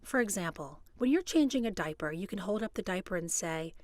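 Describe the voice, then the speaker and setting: A woman presenting an educational video, explaining in a calm, clear way. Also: lowish voice, a little fast, no room sound. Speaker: hospital staff presenter. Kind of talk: scripted educational narration.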